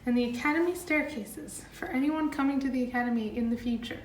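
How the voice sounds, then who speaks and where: A woman's voice: sits high, fast talker. A young woman, a music student, chatting giddily in a casual vlog from a large empty practice hall. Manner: giddy, chatty, laughing often. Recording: echoey hall with faint room noise.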